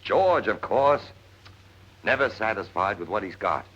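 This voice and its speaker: A man's voice: on the low side, lively intonation, a little slow, slight background noise. A man acting an exasperated, wry character with sardonic screwball banter in a 1940s comedy film. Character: exasperated, wry man convinced his brother returned as a dog. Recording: muffled vintage film soundtrack.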